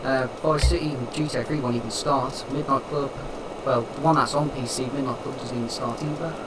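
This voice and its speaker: Young male streamer, rambling filler-heavy chat, half-robot doubled mic sound, mid pitch, far off-mic. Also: fairly even intonation, brisk. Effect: half-robotic, doubled voice from the mic being captured twice. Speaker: gaming streamer. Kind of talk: casual gameplay commentary. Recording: distant mic with loud background noise.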